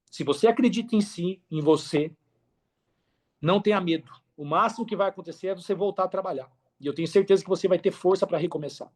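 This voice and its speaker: A Brazilian affiliate marketer's voice, fairly high and darkish in tone, carries his casual storytelling as a podcast guest. He speaks expansively and with slang, repeating himself for emphasis.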